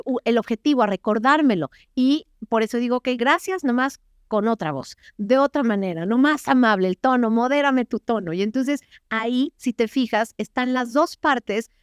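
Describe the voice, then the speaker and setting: A woman explains her approach in an animated interview manner, now and then acting out inner voices. Her voice is smooth and sits a little high. The recording is dry and close. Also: dry recording. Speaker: clinical psychologist guest.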